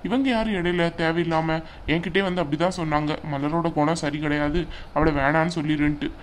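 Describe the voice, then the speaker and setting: A woman voicing a calm, reassuring young man in a cartoon. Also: low voice, a little fast, slight background noise, close to an everyday voice. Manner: reassuring, easygoing. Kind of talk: cartoon voice acting.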